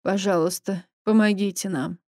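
A woman's voice: mid-range voice, steady tone, moderate pace, darkish tone, no room sound, studio quality, close to an everyday voice. A woman reading the part of a distraught middle-aged man who pleads and sobs over his injured wife. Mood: pleading. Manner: pleading, sobbing outbursts.

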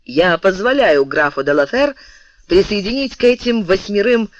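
A man voicing a stern calm general. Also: high-pitched, dry recording, pitched above the performer's own voice. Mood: commanding. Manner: measured, commanding, resonant. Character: commanding calm male general, stern and ironic. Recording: dull lo-fi dry audio.

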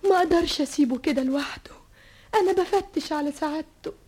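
A woman's voice: very high voice, normal speed, darkish tone. An actress with an Egyptian Arabic accent playing an anguished young woman who tearfully pleads with her troubled lover. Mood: pleading tearful. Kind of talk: Egyptian TV drama acting.

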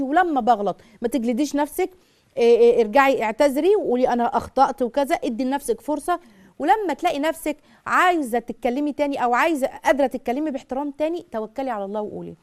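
A middle-aged Egyptian woman with an Egyptian Arabic accent hosts a live call-in parenting advice show. Her voice is high for a woman, and she talks extremely fast and animatedly, acting out what mothers say.

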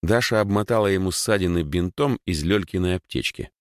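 A man narrating a children's storybook in an expressive, lilting manner. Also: low voice, brisk, dry recording, studio quality.

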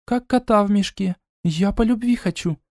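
A man's voice: high-pitched, normal speed, a little mellow, no echo, voice pushed up. A man voicing an earnest, anxious young woman, the hero's elder sister, with an emotional, pleading way of speaking. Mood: indignant.

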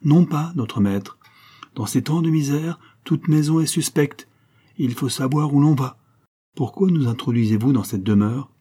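A man voicing a gruff, suspicious Breton manservant who talks bluntly. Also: mid-range voice, unhurried, dark tone, pitched above the performer's own voice. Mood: wary. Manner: rough, blunt, guarded.

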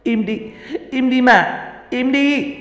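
A man voicing a terrified little girl who screams and pleads in shrill cries, in an echoey recording with faint music. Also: slow, a bit bright, full character voice. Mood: panicked.

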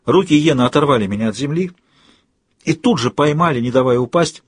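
A man narrating an audiobook in a steady storytelling delivery. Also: fairly high pitch, quick pace, husky, no room sound.

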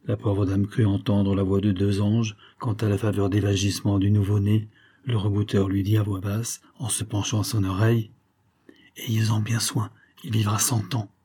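A man narrating a classic novel in a measured, steady literary reading. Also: on the low side, husky. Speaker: audiobook narrator.

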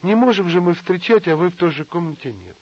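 Storybook figure: timid, eager-to-please husband, read by a man. Soft, pleading, a little husky. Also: sits high, very animated, a little fast, pitched above the performer's own voice. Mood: coaxing. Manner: coaxing and soft-spoken. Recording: slightly dull lo-fi audio.

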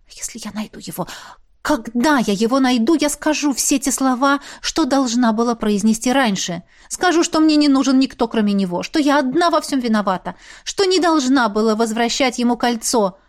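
A woman reads a first-person fantasy romance audiobook, with intimate and emotional storytelling. Her voice sits fairly high. She tells the story as the heroine herself. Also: a little mellow. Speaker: audiobook narrator. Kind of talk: first-person novel narration.

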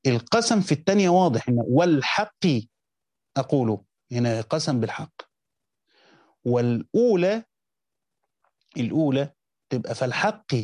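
His voice mid-range and a bit mellow, with no echo around it, an Egyptian man teaches Quranic exegesis by reading commentary passages aloud and explaining them in colloquial terms. He often cuts himself off and begins phrases again.

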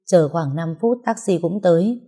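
Low, mellow woman narrator. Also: normal speed. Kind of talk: first-person scripted story narration.

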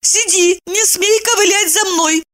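A woman voicing a tearful, shrill middle-aged wife in a storybook reading, squealing and wailing as she pleads for a stray dog. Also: a little slow, fairly bright tone. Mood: pleading. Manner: wailing and sobbing, high-pitched squeals.

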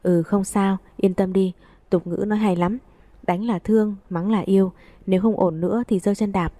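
Brief: woman narrator voicing a cocky young joker, mellow low-bright tone, teasing. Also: fairly even intonation, moderate pace, no room sound, natural voice. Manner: teasing, playful. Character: cheeky joking young man. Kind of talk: audiobook reading.

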